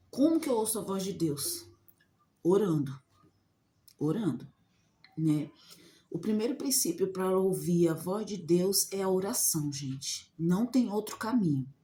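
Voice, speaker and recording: Mellow-voiced woman teaching the Bible. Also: on the low side. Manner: conversational, asks rhetorical questions, frequent "né?". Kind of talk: informal Bible teaching video. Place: outdoors in the sun.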